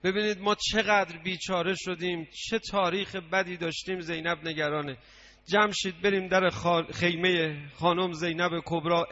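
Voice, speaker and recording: A man delivers a mourning sermon in a high, bright, forceful voice. He moves between quiet, intimate storytelling and shouted, chanted lament. The recording sounds dull and lo-fi. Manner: impassioned, swings from hushed storytelling to shouted lament. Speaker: preacher.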